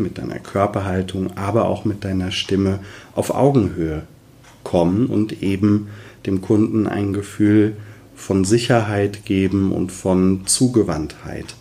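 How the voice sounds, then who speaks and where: A man's voice: lowish voice, warm tone. A man working as a voice coach, explaining his work enthusiastically in a conversational interview.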